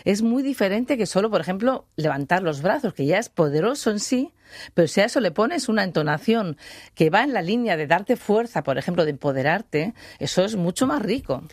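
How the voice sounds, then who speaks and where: A woman's voice: medium pitch, sing-song, brisk, a little mellow, no room sound, clean studio sound. A woman speaking as an interview guest about voice work, thoughtful and trailing off with fillers and tag questions. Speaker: guest, voice and free singing teacher. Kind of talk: relaxed interview answers.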